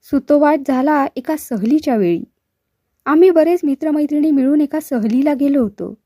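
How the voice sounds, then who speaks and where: A woman's voice: sits high, lively intonation, dry recording. A woman voicing a wistful young wife. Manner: soft, halting, reminiscent.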